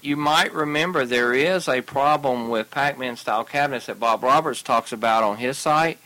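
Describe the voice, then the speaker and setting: A man co-hosting a casual podcast, giving practical arcade repair advice in a relaxed way, often restarting his sentences. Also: mid-range voice, normal speed, poor audio.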